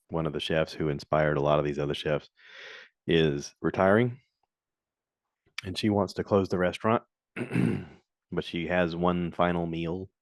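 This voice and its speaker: Very deep-voiced chatty man. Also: no echo, clean studio sound. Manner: rambling, chatty storytelling with many fillers. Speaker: podcast host. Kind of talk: casual solo podcast chat.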